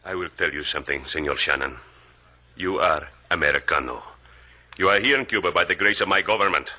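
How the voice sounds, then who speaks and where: A silky Cuban police inspector. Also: male voice, deep voice, bright, forceful tone, heavily acted. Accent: Cuban Spanish. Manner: overly polite, slow and precise. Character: formal Cuban police inspector, smooth and guarded. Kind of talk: 1950s radio drama acting.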